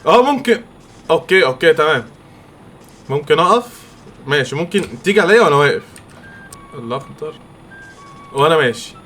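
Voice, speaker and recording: A young man with an Egyptian accent commentating his own gameplay, excitable and quick to react loudly. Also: fairly high pitch, faint music behind. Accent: Egyptian Arabic. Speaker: gamer. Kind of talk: let's-play game commentary.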